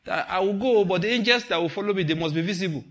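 A man whose voice sits high preaches at a quick pace with a Nigerian accent, telling stories and jokes in an informal sermon. He performs people's quoted speech animatedly and slips into Pidgin.

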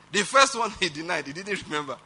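Bright-voiced Nigerian preacher. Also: male voice, sits high, husky. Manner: animated, emphatic preaching with rhetorical questions and chuckles. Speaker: pastor. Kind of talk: sermon.

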